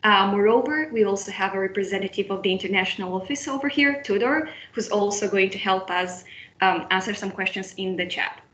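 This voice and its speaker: This young adult from Moldova moderates an online webinar for students, speaking a little fast in a medium, fairly bright voice. She stays friendly while often restarting and repeating phrases, and the video-call sound is roomy and dull.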